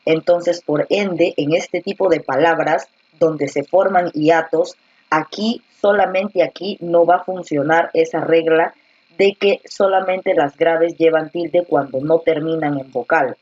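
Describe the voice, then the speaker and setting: A woman teacher giving an online class, explaining patiently and repeating words slowly to stress their syllables. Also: deep voice, fairly even intonation, darkish tone, slightly rough, no room sound. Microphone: computer or headset mic on a video call. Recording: dull dry lo-fi online class audio.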